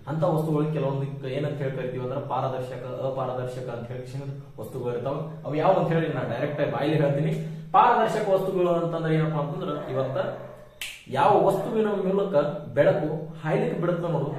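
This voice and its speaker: A male teacher, his voice a touch higher than most men's, lectures emphatically, repeating key terms and asking questions he answers himself. He is heard from a distance in a very echoey room. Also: a little mellow. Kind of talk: exam-coaching lecture.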